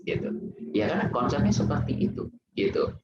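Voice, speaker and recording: A man's voice: moderate pace, very noisy. A man giving a casual Buddhist Sunday sermon in a temple hall, chatty and conversational, often laughing at his own jokes. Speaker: Buddhist Dhamma speaker. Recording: very echoey, dull lo-fi hall recording.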